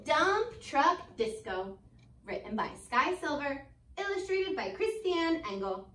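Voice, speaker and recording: In a school classroom, an American woman in her twenties who teaches elementary school reads a picture book to kids in a high voice. She's animated, expressive and deliberate, tossing in chatty asides and questions for the children. The sound is roomy, recorded by a phone camera a few feet off.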